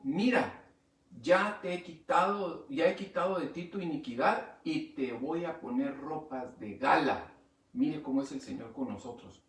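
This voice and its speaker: A man pastor preaching a sermon, swinging from quiet asides to loud emphatic rises. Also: high voice, echoey room, distant mic. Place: church.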